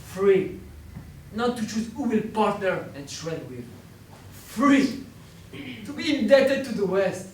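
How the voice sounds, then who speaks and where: An actor playing a bitter, defiant captured fighter who fires accusing rhetorical questions, recorded in an echoey room from a distance. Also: male voice, high-pitched, animated, unhurried, slight background noise. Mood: sardonic. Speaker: stage actor. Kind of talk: stage play acting. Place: theatre stage.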